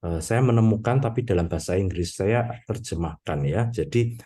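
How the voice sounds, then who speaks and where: A man gives a sermon in a low, warm, mellow voice. He talks to the congregation in a casual, conversational way and keeps checking in with them through small tag questions. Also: moderate pace, breathy edge. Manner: conversational, peppers talk with "gitu ya" and "ya toh"; addresses congregation as "Bapak Ibu".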